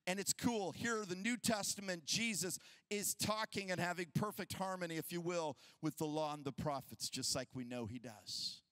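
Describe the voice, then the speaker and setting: A male pastor preaching a sermon at a conference, energetic and casual, joking and using slang. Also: high-pitched, normal speed, no echo. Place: conference stage before a crowd.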